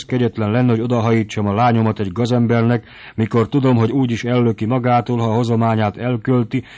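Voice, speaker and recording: A man reading aloud as a stern, stubborn father who speaks in a firm, measured way. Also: mid-range voice, a little mellow, lightly acted.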